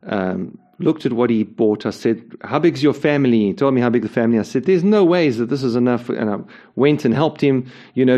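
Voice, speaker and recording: A man's voice: medium pitch, warm tone. A man, a ministry leader, answering an interview question by telling a story earnestly, often repeating words as he starts a phrase.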